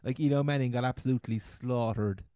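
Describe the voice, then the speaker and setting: The Cork podcast host talks fantasy football fast in a medium-pitched, mellow voice, wandering and repeating himself in a casual sports chat. Clean studio sound, no room sound.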